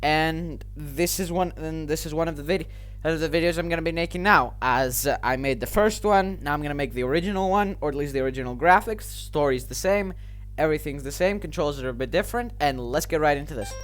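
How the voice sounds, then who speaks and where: A man with a voice a little higher than average presents a game playthrough. His commentary is casual and rambling, full of self-corrections, with music in the background. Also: a little fast. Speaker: gaming video host.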